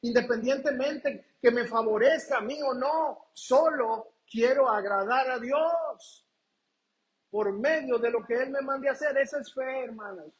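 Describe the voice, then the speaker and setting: A man preaching a sermon, asking the congregation questions and reading scripture slowly. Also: extremely high pitch, low-quality recording. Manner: reads scripture aloud slowly and deliberately. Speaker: pastor.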